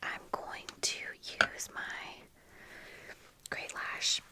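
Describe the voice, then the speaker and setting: In a dim little room with bookshelves, a woman in her thirties makes an ASMR video, whispering gently and breathily while applying makeup. Her casual talk is slow and full of pauses, picked up closely by a fur-covered mic on the desk, which she monitors via earphones.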